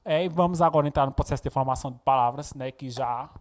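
A man's voice: mid-range voice, fast. Brazilian teacher man explaining with tag questions. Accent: Brazilian Portuguese, Pernambuco. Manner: explanatory, frequent tag questions, expressive when reading poems. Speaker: Portuguese teacher. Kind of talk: recorded classroom lesson with poem readings.

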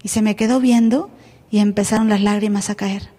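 A woman pastor from Mexico with a Mexican accent, telling her testimony in an animated sermon style. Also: mid-range voice, fairly quick. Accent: Mexican Spanish. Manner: animated storytelling, acting out dialogue. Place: church. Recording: reverberant church live stream.

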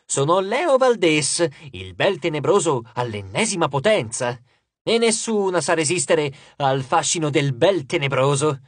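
A man's voice: fairly high pitch, animated, a little slow, no echo. A man reading an audiobook and voicing a cocky teenage boy hero who mocks and brags. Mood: boastful. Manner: brash, showy, mocking.

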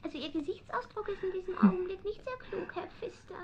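A woman's voice: extremely high pitch, fast talker, a little mellow. A woman voicing Kater Musch, a haughty talking tomcat. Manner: haughty, lecturing. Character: talking old tomcat, proud and condescending. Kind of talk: radio play acting. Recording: dull lo-fi radio play recording.

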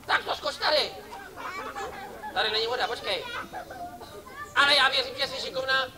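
A man with a Czech accent works as a street clown for children on an outdoor summer festival stage before a crowd. Very high-pitched and playful, he jokes with the audience and teases volunteers and kids. A lively crowd can be heard in the background.

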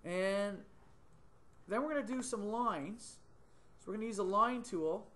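A middle-aged software tutor's fairly high voice sounds pushed and bright as he walks through 3D modeling on screen, thinking aloud with ums and quick self-corrections. This tutorial is screen-recorded in a small room via a desktop mic, with his webcam displayed in the screen's corner.

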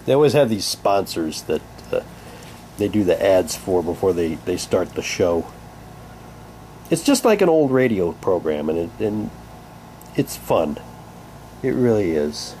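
Very animated yet a little slow, this low-pitched, dark-toned man pauses often as he unboxes on his hobby vlog. The commentary is casual and unscripted, repetitive and occasionally read aloud, and the rough indoor recording from a handheld camera's built-in mic has some hiss or hum.

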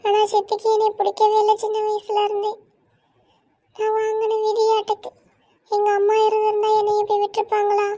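A woman's voice: very high voice, monotone, brisk. A woman doing a meek, tearful young heroine. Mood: sorrowful. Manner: soft, pleading, tearful monologue. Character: meek young woman, mistreated stepdaughter, gentle. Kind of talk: cartoon voice acting.

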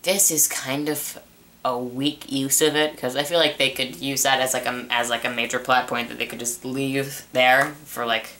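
A man's voice: mid-range voice, level tone, moderate pace, bright, forceful tone, slight background noise. A young man giving a casual spoken review of a TV season, rambling with restarts and fillers. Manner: rambling, repeats himself with many restarts and uh fillers. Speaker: TV show reviewer.

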